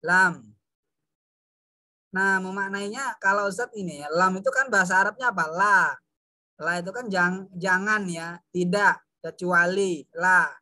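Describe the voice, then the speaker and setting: Chatty bright-voiced male teacher. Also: high voice, moderate pace, dry recording. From Indonesia. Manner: chatty, addresses pupils as "Nak", many fillers. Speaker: religious studies teacher. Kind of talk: online class lesson.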